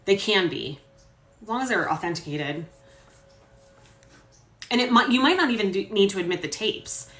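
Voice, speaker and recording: A woman's voice: medium pitch, expressive, moderate pace, pauses often, fairly bright tone. Woman lawyer explaining court procedure. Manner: explains legal points conversationally, with fillers. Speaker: lawyer and commentator. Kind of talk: casual legal commentary. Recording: roomy echo.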